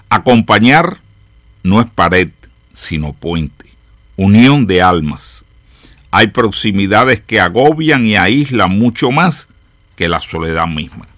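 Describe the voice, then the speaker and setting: A man hosting a radio program, reading reflective stories in a slow, measured way with dramatic pauses and falling line endings. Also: low-pitched, a bit bright, no echo. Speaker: radio host.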